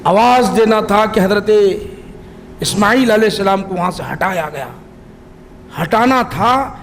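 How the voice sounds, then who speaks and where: A man preaching a sermon in a mosque, telling a story with passion and often shouting at its peaks. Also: high voice, slight background noise. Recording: long hall reverb.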